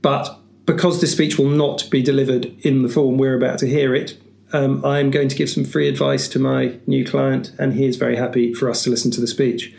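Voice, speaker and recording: A man's voice: mid-range voice, flat delivery, a little fast, gravelly, a little mellow. A man hosting a podcast, introducing a listener's speech with a dry, wry manner. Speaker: podcast host. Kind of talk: casual chat.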